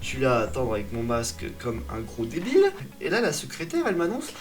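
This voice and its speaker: Young man, comic storyteller, animated intonation, exaggerated, self-mocking, background music. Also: mid-range voice, fast talker. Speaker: vlogger.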